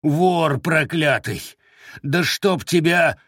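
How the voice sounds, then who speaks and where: A man voicing a greedy, foolish peasant who rants in a shrill, sobbing, self-pitying voice. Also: big pitch swings, takes it slowly, fairly bright tone, no echo, clean studio sound, full character voice. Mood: snarling.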